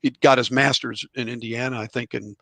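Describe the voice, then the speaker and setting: A man's voice: mid-range voice, steady tone, fairly quick, vocal fry, pushed and bright, no room sound. A middle-aged man, a former college ballplayer and author, telling chatty, rambling anecdotes as a podcast guest. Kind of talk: relaxed storytelling in a podcast interview.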